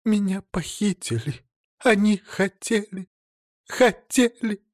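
A man voicing a deceitful young woman who feigns tearful fright, in a high, trembling, pleading voice, in an audiobook reading. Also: measured pace, dry recording, clean studio sound.

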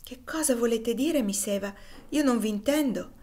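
A woman voicing a humble, reverent older man servant in an audiobook reading, speaking gently. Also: fairly high pitch, normal speed, lightly acted.

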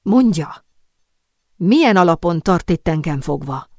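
Devoted young man in chains, voiced by a female narrator; keep it gentle and low. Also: lively intonation, no room sound, studio quality. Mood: defiant. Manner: tender, gentle, soon sharp.

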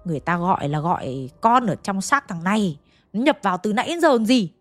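A woman's voice: mid-range voice, big pitch swings, brisk, soft background music, natural voice. A woman voicing a stern older male village shaman who barks blunt orders. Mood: commanding. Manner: barking commands, rough and blunt.

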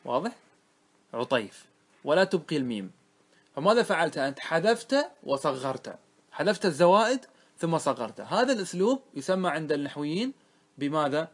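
A man teaching a grammar lesson, reciting lines of verse slowly and then explaining them, often asking his students questions. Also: a little high, very animated. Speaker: sheikh teaching Arabic grammar. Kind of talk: classroom lesson on a grammar poem.

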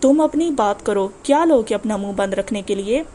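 A woman voicing a cold, arrogant wealthy man in an audiobook, speaking in a cool, cutting, measured way. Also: medium pitch, lively intonation, warm tone, a little hiss or hum, pitched below the performer's own voice, natural voice. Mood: menacing.

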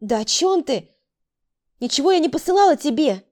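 Woman voicing a shrill, frightened younger sister. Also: very animated, moderate pace, a little mellow. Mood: desperate. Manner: shrill, pleading, indignant.

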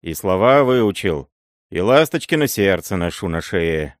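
A man voicing a young, imperious prince who shouts loud commands. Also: low voice, expressive, measured pace, no room sound, clean studio sound. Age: young adult. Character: young, hot-tempered, commanding male prince. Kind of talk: audiobook character voice.

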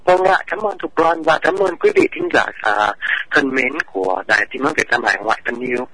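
A man presenting an educational radio talk, explaining at length, addressing listeners formally, and pausing often to hesitate. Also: medium pitch, lively intonation, sharp tone, low-quality recording.

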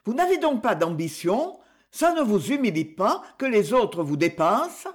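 A woman voicing a talkative, jealous village washerwoman who speaks in a shrill, quick-tongued way. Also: sing-song, close to an everyday voice. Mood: prodding.

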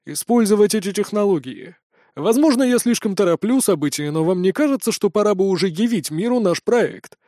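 A man's voice: high-pitched, expressive, brisk, dark tone, no echo, studio quality, voice pushed up. A man playing a nervous, scheming nobleman who talks in an impatient, edgy way.

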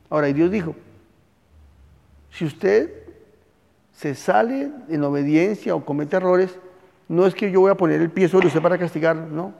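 A male pastor with a Colombian Spanish accent holds a conversational sermon in a church hall, putting questions to his congregation. His voice is a little high, gravelly, and slightly mellow. The recording sounds muffled, with long hall reverb.

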